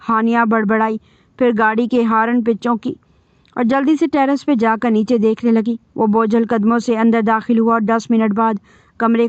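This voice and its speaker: Female narrator for a dramatic audio novel; slightly high voice, dull dry recording. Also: darkish tone, dry recording. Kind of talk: reading a romance novel aloud.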